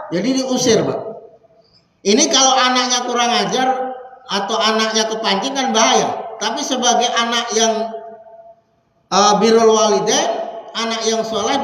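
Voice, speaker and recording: A man preaching in a big mosque hall, his voice sitting high and ringing in a long, heavy echo. He switches between lively talk, acted-out quotes and chanted Arabic verses, with a faint hum behind him. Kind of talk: mosque sermon.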